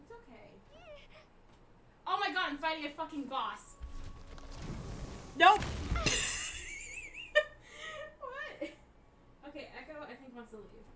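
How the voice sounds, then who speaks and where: A woman livestreaming in a high voice that leaps up and down as she chats, coos at her pets and swears with abandon. Music plays steadily under her voice. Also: sing-song, unhurried, pauses often, very noisy. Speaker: streamer. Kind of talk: casual live-stream chatter while gaming. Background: background music.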